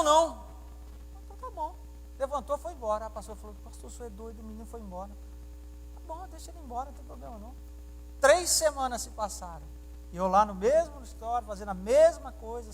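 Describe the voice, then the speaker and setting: A man preaching a sermon as pastor, telling stories with acted-out dialogue and quizzing the congregation. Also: very high voice. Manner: animated storytelling, acting out dialogue and questioning the congregation. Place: church sanctuary during a service. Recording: reverberant church hall sound.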